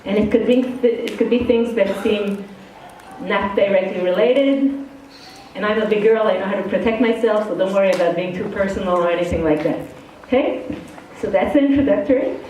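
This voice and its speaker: A middle-aged woman from Israel talks with an accent that blends Israeli and Brooklyn sounds, frank, casual and a little self-deprecating. She speaks in an ordinary middle pitch. Her voice carries from well away from the microphone in a strongly echoing hall, with a faint hiss underneath. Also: a little fast, dark tone. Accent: part Israeli, part Brooklyn. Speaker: guest speaker. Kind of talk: informal talk to students. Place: indoor study hall. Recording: very echoey hall, far from the mic.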